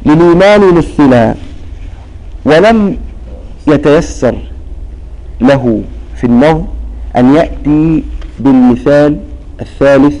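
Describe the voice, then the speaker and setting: A man's voice: fairly high pitch, unhurried, pauses often, warm tone, low-quality recording. A man teaching a religious recitation lesson, explaining patiently and quizzing his students with repeated questions. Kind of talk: classroom lesson.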